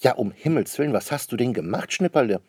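A man's voice: medium pitch, animated, fast talker, a little mellow, slightly rough, no echo, clean studio sound, voice pushed up. A man voicing a busy, impatient mother questioning her children in a storybook reading.

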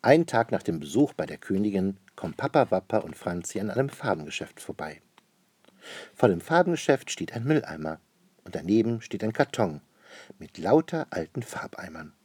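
A man reading a children's story aloud as the narrator, in a lively, expressive way. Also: sits low, normal speed, breathy edge, dry recording.

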